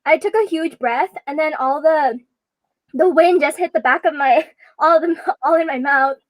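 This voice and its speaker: Young woman host, high voice, dry close sound, giggly chatty livestream. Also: normal speed, no echo, low-quality recording. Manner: giggly, chatty, frequent laughter. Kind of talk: casual livestream chat.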